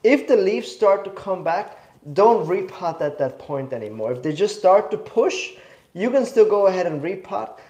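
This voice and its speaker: In an indoor studio, a young Swiss bonsai demo host with a slight cough teaches eagerly during a live session, tending to ramble and correct himself. He speaks at a moderate pace in a high, sing-song, slightly mellow voice that sounds reverberant.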